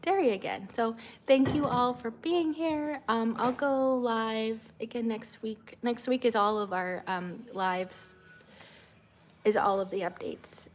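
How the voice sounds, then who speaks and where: A woman's voice: takes it slowly, a little hiss or hum. A woman, chatting casually on a livestream, rambling with many fillers. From Canada. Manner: rambling with many fillers, high sing-song when coaxing her child. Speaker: vlogger and mother.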